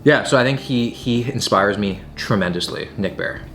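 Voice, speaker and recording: A man's voice: fairly low pitch, moderate pace, over music. A young man hosting a casual question-and-answer chat, speaking informally with lots of filler words and emphatic phrasing. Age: young adult. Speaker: video host answering viewer questions. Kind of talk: casual Q&A chat while tasting food.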